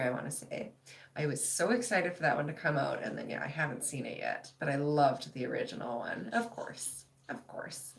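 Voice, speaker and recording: A woman in her thirties with a lowish voice hosts a casual livestream. She reads chat comments aloud, laughs often and trails off into soft asides.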